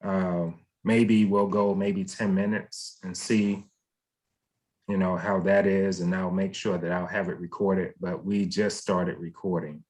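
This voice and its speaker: A man with a fairly low voice leads a meditation group over a video call. He sounds easygoing and gently encouraging and invites each person to share. The sound is plain and casual, like a home video call. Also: level tone, a little slow, low-quality recording.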